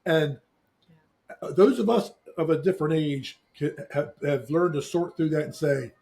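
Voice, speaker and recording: A middle-aged podcast co-host from the US Eastern Shore chats casually on a talk show, earnestly offering life advice and often restarting sentences. His voice runs on the high side, gravelly yet a little mellow, at a moderate pace.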